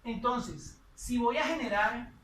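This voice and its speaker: A woman teaching English grammar in Spanish, patiently repeating and slowing down her example sentences. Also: on the high side, a bit bright, a little hiss or hum. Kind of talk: explaining English grammar on a whiteboard. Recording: echoey room, voice from a distance.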